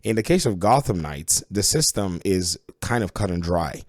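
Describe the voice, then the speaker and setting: Low-voiced man with a stuffy, cold-affected nose. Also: expressive, normal speed, no room sound, clean studio sound. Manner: conversational, opinionated. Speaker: video game reviewer. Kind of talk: casual review commentary.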